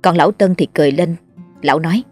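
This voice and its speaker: A woman narrating a ghost story in a steady, measured way. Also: lowish voice, faint music behind.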